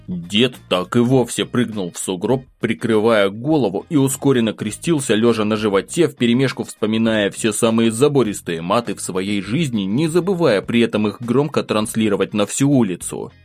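A man with a lowish voice reads an audiobook in a steady, even storytelling manner. The recording is dry and close, with faint music underneath. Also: normal speed, hardly any pauses, dry recording. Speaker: narrator. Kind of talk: audiobook narration.

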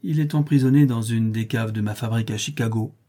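A man's voice: medium pitch, a little fast, dark tone, close to an everyday voice. A man reading a scheming, sneering factory boss. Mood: insistent. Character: scheming greedy male meat-packer, middle-aged.

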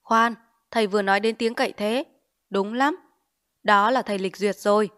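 A woman voicing a wry male district magistrate who lectures in an even, measured way in an audiobook. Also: medium pitch, lightly acted. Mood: lecturing.

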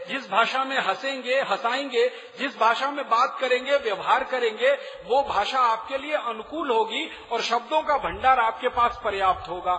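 A man's voice: very high voice, pushed and bright. A man giving a public lecture, arguing rhetorically, asking the audience questions and spelling words out letter by letter. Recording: lecture hall with long reverb.

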